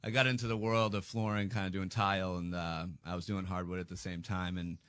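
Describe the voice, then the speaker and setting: A man's voice: deep voice, little pitch movement, fairly quick, a bit bright, smooth, no echo, clean studio sound. A man in his thirties, a business owner and guest on a radio show, answering questions in an easygoing, plain-spoken way. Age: 30s.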